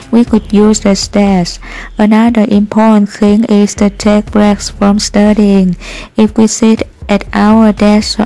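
A woman reading textbook passages aloud for listening practice, slow and careful, with frequent hesitant fillers. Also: mid-range voice, dark tone, rough recording. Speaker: reader of listening practice texts.

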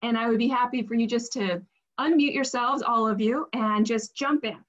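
A woman's voice: a little high, moderate pace, fairly bright tone. A woman in her forties moderating a panel over a video call, upbeat and inviting. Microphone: laptop webcam mic. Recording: dull lo-fi video call audio.

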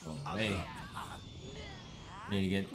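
A man giving casual commentary over his gameplay, chatty and growing loud and exasperated in fights. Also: deep voice, takes it slowly, over music. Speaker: gaming YouTuber.

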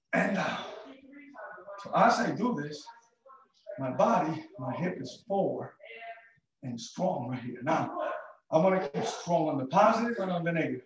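A man's voice: a little high, background noise. A male fitness instructor leading a live workout class, counting reps aloud and cheering people on, sometimes out of breath. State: out of breath at times. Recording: very echoey room, mic at a distance.

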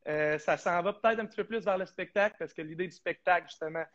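A man's voice: high voice, fast talker, a bit bright, lo-fi sound. A man with a Québécois French accent chatting as a podcast contributor, easygoing and full of hesitations. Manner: easygoing, hesitant with many fillers. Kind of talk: casual podcast chat.

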